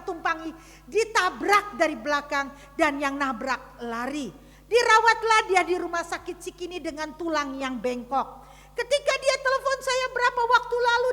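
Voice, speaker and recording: A woman preacher giving a dramatic sermon to her congregation, telling a story with big swings from loud to hushed. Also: very high voice, in a large hall. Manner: addresses the congregation directly. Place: church service.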